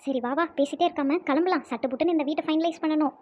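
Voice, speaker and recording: Cartoon: woman voicing a fretful housewife, high fast voice, slightly dull recording. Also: darkish tone, lightly acted. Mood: eager. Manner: exclaiming, fretful, scolding. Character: flustered thrifty housewife hunting for a flat.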